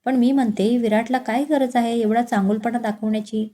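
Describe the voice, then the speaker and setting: A woman's voice: fairly high pitch, fairly even intonation, fairly quick, mellow, close to an everyday voice. A woman voicing a disapproving, suspicious middle-aged mother in a spoken storybook. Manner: scolding, suspicious.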